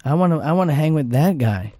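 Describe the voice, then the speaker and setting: Mellow, teasing podcast co-host man. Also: a little high, lively intonation, fast talker, no echo, clean studio sound. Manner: playful, teasing, reactive. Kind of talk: casual banter.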